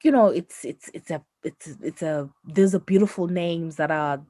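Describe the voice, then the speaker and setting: A Zimbabwean woman co-hosts a podcast, chatting casually and animatedly, laughing often and closing her points with "right?". Her voice sits on the low side with a dark tone at normal speed. The studio sound is clean, with no echo.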